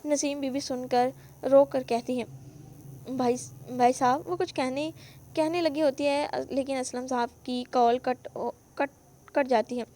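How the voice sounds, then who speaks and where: A woman reading a novel aloud in an emotive storytelling manner. Her voice is high-pitched. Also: fairly even intonation, dark tone. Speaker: novel reader. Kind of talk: audiobook narration.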